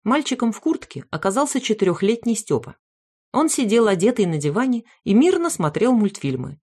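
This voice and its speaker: A woman reading aloud a humorous family story in the first person, with wry, lively storytelling. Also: on the high side, brisk. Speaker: audiobook reader.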